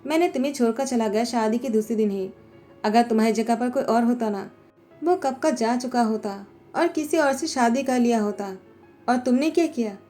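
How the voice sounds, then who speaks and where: A woman's voice: on the high side, normal speed, warm tone, soft background music, natural voice. A woman voicing a cold, defensive young husband in a spoken story recap, in a curt, questioning manner.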